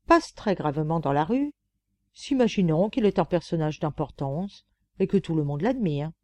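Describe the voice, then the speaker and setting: In an audiobook narration, a woman reader voices a gossipy, pampered female lapdog who writes confiding, mocking letters. Her voice is lowish and dark, recorded with no echo.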